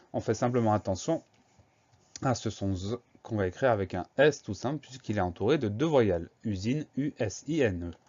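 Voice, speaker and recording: A man's voice: on the low side, darkish tone, dull audio. A man teaching a spelling lesson, patiently spelling words out letter by letter.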